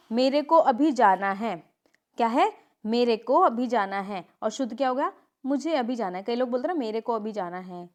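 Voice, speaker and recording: Woman teacher going through grammar examples, kinda high voice, fixes each one with a fast little aside. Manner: reads example sentences, then corrects them in a quick aside. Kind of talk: grammar lesson.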